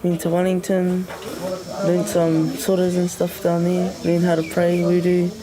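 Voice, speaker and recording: Female interviewee, low and even, music bed. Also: normal speed, a crowd in the background, rough recording. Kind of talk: casual interview.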